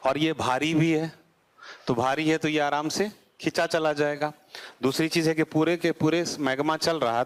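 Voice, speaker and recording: In a classroom, a male teacher lectures on geography, repeatedly posing rhetorical questions to the class and answering them himself. His pitch falls as he wraps up each point.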